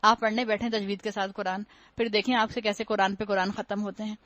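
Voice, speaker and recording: A woman's voice: medium pitch, flat delivery, fairly bright tone, no room sound, dull audio. A woman giving a religious lecture, explaining patiently, using rhetorical questions and wry humor, and slipping English words into her talk. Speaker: Quran teacher.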